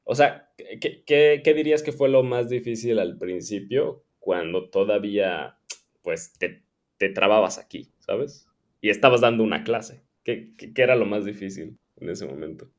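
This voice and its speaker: A man's voice: on the low side, normal speed, a little mellow. A man hosting a podcast, asking curious follow-up questions in a casual chat. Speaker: podcast host.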